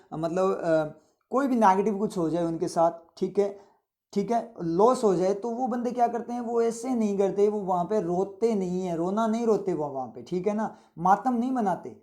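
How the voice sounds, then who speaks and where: A man's voice: sits high, moderate pace, dark tone. A man from India teaching vocabulary, explaining words over and over and often checking that students follow. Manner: repetitive explaining with frequent rhetorical checks. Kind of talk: vocabulary lesson with motivational asides.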